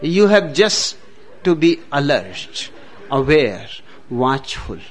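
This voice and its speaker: Man giving a slow spiritual talk, higher voice, lots of pauses, jokey bits. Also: big pitch swings. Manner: slow, deliberate, dramatic pauses, tells jokes. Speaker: spiritual teacher. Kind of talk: spiritual discourse with jokes.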